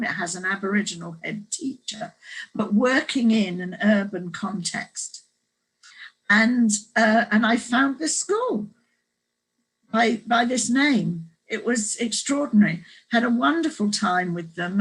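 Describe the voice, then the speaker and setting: A woman author, a guest on a panel, telling a story in a reflective, halting way. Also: mid-range voice, husky, poor audio. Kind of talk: casual panel discussion.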